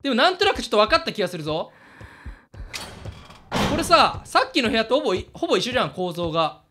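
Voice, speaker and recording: A man commentating a horror game, excitable, talking to himself, often shouting and laughing. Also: high voice, quick pace, a little hiss or hum.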